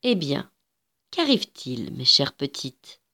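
A cold, suspicious charity lady in her fifties, as a woman reader puts her on, falsely sweet and probing. Her voice drops low and moves slowly, as in a storybook reading. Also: very animated, full character voice. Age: 50s.

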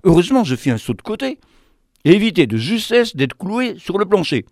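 A man narrates a strange fable in an animated, theatrical way. His voice sits a bit high and swings widely in pitch. The sound is close and dry, with no room around it. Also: a little fast, no echo. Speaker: storyteller. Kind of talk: expressive narration of a fantastic tale.

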